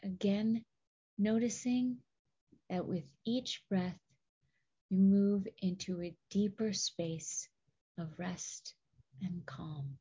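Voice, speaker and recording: A woman leads a guided meditation very slowly, with long pauses. Her voice is soft, breathy and mellow, soothing throughout. The audio is slightly dull and lo-fi. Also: medium pitch. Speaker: show host leading a guided meditation.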